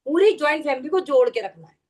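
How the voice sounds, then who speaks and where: High-voiced woman teaching over a video call. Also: lively intonation, quick pace. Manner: explanatory, keeps checking understanding with questions. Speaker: numerology teacher. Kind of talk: online class lecture.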